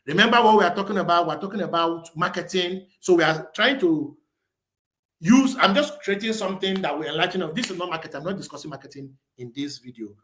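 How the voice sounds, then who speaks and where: A man's voice: sits high, quick pace, fairly bright tone. A man presenting a webinar as a live screen-share tutorial, thinking aloud as he types, restarting and correcting himself.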